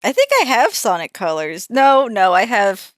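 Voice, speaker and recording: A woman's voice: medium pitch, animated, normal speed, no echo, clean studio sound. A woman co-hosting a podcast in casual chat, with an easygoing, wry way of talking. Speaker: podcast co-host.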